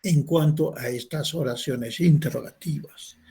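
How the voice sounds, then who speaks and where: A man's voice: a little high, a little slow, dark tone, slightly rough. A man teaching an English class, patiently explaining and modeling questions.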